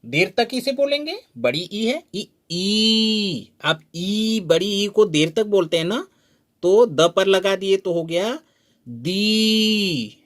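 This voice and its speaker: A fairly high-voiced man teaches in an unhurried, deliberate way. He stretches each syllable out and keeps asking the learner how to read it. The sound is of a patient classroom lesson. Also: expressive. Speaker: Hindi teacher. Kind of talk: slow spoken lesson at a board.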